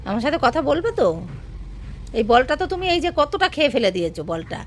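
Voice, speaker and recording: A woman's voice: sits high, big pitch swings, fairly quick. A woman filming her pet dog at home on a phone, talking to it in coaxing, repetitive baby talk. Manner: coaxing, sing-song, repeating herself. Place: home, indoors.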